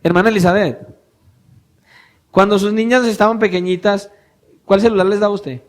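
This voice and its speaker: A male pastor preaching a sermon, asking his congregation pointed questions and moving between soft, low lines and louder emphatic ones. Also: steady tone, moderate pace. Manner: questions the congregation directly, swinging from soft to loud.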